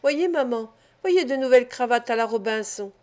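A woman's voice: a little high, expressive, moderate pace, a little mellow, close to an everyday voice. A woman reading the part of a cheerful young boy back from a hunt in an audiobook. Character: lively young boy, cheerful hunter son.

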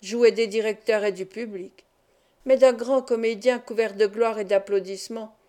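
Eager young actor in love, dreamy; a woman reads him in her own voice. Audiobook, mellow tone. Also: a little high, fairly even intonation, moderate pace, lightly acted. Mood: ardent. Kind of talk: audiobook reading.

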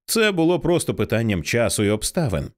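A man voicing a young man's quiet inner thoughts. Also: mid-range voice, big pitch swings, fairly quick, lightly acted. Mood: musing.

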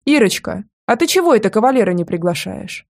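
A woman voicing a fussy, bossy old grandmother who is hard of hearing and talks loudly in exclamations. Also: medium pitch, very animated, brisk. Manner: loud, shouting, exclamatory.

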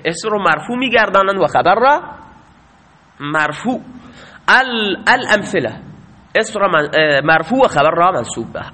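A man's voice: high voice, expressive, long pauses, sharp tone. A man teaching a grammar lesson, asking questions and answering them himself.

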